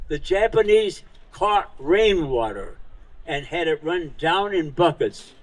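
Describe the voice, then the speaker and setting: A hundred-year-old man, a veteran speaking to an audience, recounting war memories in short, halting, emphatic phrases with rhetorical questions. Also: a little high, expressive, poor audio. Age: 100 years old. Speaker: veteran Marine guest speaker. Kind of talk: live war reminiscence to an audience.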